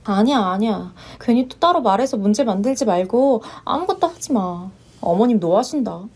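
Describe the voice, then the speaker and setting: A woman voicing a polite, long-suffering young wife who speaks in a measured way and turns firm under pressure. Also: on the high side, lively intonation, a little mellow, slightly rough. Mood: worried. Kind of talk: story narration with voiced roles.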